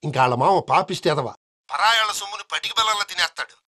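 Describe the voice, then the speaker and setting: Brief: a gossipy plotter on the line, high and rapid. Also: male voice, expressive, bright, forceful tone. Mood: conspiratorial. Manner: conspiratorial, chatty phone talk. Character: gossiping scheming caller, badmouths rivals.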